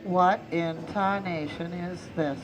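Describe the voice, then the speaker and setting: A man's voice: high voice, fairly even intonation, slow pace, rough recording. A man playing a brash Old West outlaw in a theme park ride, with a folksy drawl and stagecoach-driver hollering. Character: Old West outlaw bandit hijacking a tram, brash cowboy. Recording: loud music over ride vehicle sound.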